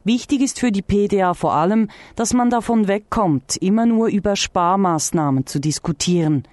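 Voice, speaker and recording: A woman reading a scripted radio news report in a measured, clear way. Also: mid-range voice, a little mellow, no room sound.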